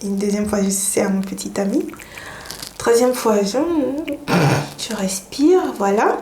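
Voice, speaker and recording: A young woman telling a personal story to her viewers in a lively, chatty way. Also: medium pitch, unhurried. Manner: lively, chatty, laughs while telling, addresses viewers directly. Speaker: vlogger. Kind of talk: casual storytime to camera. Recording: echoey room, faint noise.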